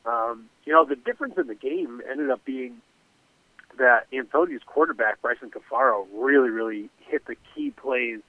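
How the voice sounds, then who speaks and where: A man with a stuffy, nasal voice talks through a championship game in close detail, filling pauses with plenty of uhs. He comes through a narrow, tinny telephone line with no room sound around him. His pitch sits in an ordinary middle range. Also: dry recording. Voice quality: nasal from a blocked sinus. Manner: detailed, recounts plays with many uhs. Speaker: sportswriter guest. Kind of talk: casual sports analysis. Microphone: phone.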